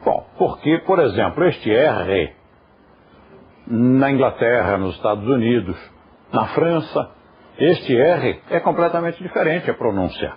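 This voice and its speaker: A man's voice: mid-range voice, very animated, measured pace, breathy edge. A man teaching a yoga class, patiently explaining pronunciation and turning aside to talk to viewers at home. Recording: dull lo-fi recording.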